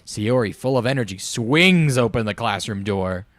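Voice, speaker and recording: A young man narrates a visual novel with friends, playful and quick to joke. His pitch is mid-range and lively. Faint music plays underneath. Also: no echo. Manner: playful, laughing asides. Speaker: narrator of a read-through. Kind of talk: reading game narration aloud with friends.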